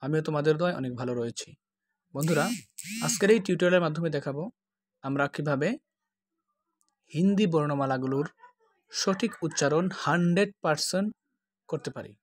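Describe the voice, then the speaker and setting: A man's voice: fairly high pitch, no room sound. A man with a slightly raised voice teaches alphabet sounds in a patient tutorial, stretching each vowel so learners can follow. The recording is close and dry, with no room sound. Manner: patient, drawn-out letter sounds. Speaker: language teacher. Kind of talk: tutorial explanation.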